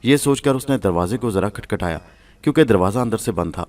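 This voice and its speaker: A man's voice: on the low side, lively intonation, darkish tone, far from the mic. A man narrating a story from a script and reading every part in his own voice.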